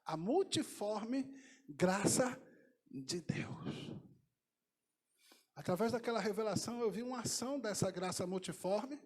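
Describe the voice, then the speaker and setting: Very high-voiced impassioned male preacher. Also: expressive, measured pace, pauses often. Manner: impassioned preaching, swinging from hushed to shouted. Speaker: pastor. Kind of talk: sermon. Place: church sanctuary.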